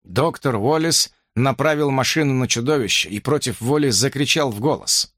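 A man narrating a horror audiobook with an expressive, dramatic reading. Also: mid-range voice, normal speed, no room sound, clean studio sound.

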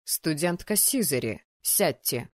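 A woman's voice: low-pitched, expressive, slow, no room sound, studio quality, heavily acted. A woman reading an audiobook who voices a stern, cold male dean of a magic academy, speaking in a clipped, commanding, formal way. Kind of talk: audiobook character voice.

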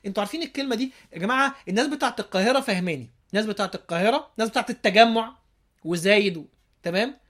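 A man with an Egyptian accent giving an informal religious talk, animated, acting out inner excuses and sometimes dropping to a near whisper. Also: sits high, rapid-fire. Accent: Egyptian Arabic. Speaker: preacher.

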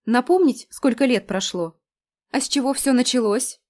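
A woman's voice: high-pitched, normal speed, darkish tone, voice pushed up. Woman playing a dry, sarcastic young woman.

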